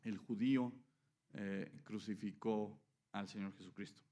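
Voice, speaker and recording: A man's voice: fairly low pitch, steady tone, a little slow, dark tone. A man preaching a sermon, explaining scripture and often checking in with listeners. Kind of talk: sermon teaching.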